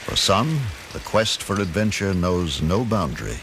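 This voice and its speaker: Deep-voiced man narrating a nature documentary. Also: very animated, background noise. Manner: measured, dramatic storytelling. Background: music.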